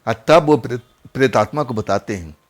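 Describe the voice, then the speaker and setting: A man's voice: mid-range voice, normal speed. Man telling a ghost story conversationally. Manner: conversational, repeats phrases. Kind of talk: spoken horror story narration.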